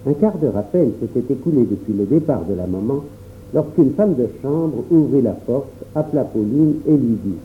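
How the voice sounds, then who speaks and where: A man narrating a storybook in a calm, measured first-person voice. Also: mid-range voice. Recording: tinny phone-like audio with faint hum.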